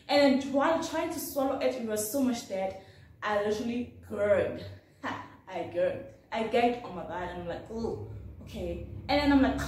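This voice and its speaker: Chatty young woman in an echoey room. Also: fairly high pitch. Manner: animated, chatty, acts out her own reactions. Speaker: vlogger. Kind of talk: storytime vlog. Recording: echoey room, mic at a distance, faint background noise.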